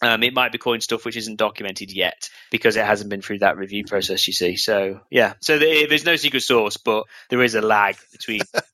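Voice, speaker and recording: A man's voice: lowish voice, fairly quick, pushed and bright, dry recording. A man co-hosting a casual tech podcast, talking in a rambling way with many restarts and fillers. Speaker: podcast co-host.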